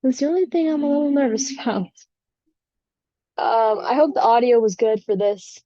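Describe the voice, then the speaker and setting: Here the Chicago podcast host sounds warm and higher-pitched, moving at a moderate pace as she chats casually on her own show, full of ums and rambling asides. She uses a makeshift home setup, and the slightly muffled mic sits in a dry room with no room sound.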